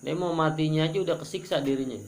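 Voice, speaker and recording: Male preacher, gravelly, lively teasing delivery, some faint noise. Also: quick pace. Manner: animated, joking, pitch jumps for emphasis. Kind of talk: religious study sermon.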